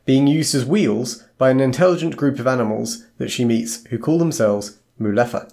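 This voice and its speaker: A man co-hosting a podcast, recapping a chapter in a measured, unhurried way. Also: medium pitch, a little mellow. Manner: measured, recaps slowly and clearly. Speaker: podcast co-host. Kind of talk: casual chat and chapter recap.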